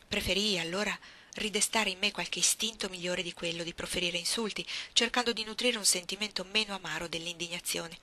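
Woman reading a novel aloud, measured and expressive, really bright sharp tone. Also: lowish voice. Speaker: audiobook reader. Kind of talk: literary audiobook narration.

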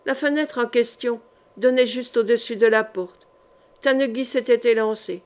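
A woman's voice: a little high, normal speed. Dramatic woman audiobook narrator.

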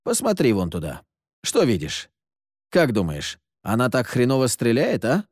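A man voicing a calm, curt man in charge who gives terse orders, in an audiobook. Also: medium pitch, normal speed, no room sound, clean studio sound. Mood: commanding.

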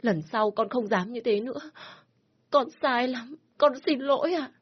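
A woman's voice: fairly high pitch, measured pace, slightly rough, dull audio, voice pushed up. A woman voicing a frightened young daughter who cries and begs for forgiveness. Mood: tearful pleading. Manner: begging, apologetic. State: crying.

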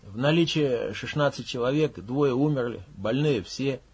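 A man's voice: medium pitch, normal speed, slightly rough. A man narrating an audiobook in a blunt, coarse manner, with swearing.

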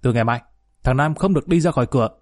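A man's voice: medium pitch, rapid-fire, no room sound, clean studio sound, lightly acted. A man reading aloud and voicing a stern, wealthy father who scolds and threatens coldly in a storybook reading. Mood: cold scolding.

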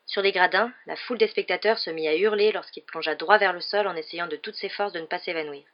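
A woman's voice: lowish voice, quick pace, dull audio. A woman narrating an audiobook chapter, reading the story steadily and expressively.

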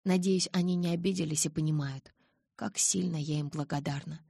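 A woman narrates a first-person novel as an audiobook. Her voice is low and slightly husky. The recording is dry and close to the mic. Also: fairly even intonation, fairly quick, warm tone, no echo.

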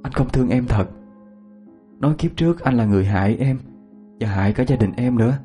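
A man voicing a bewitched young woman, making cold, insistent demands in a husky voice. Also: medium pitch, brisk, dark tone, soft background music, natural voice. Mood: pleading, cold.

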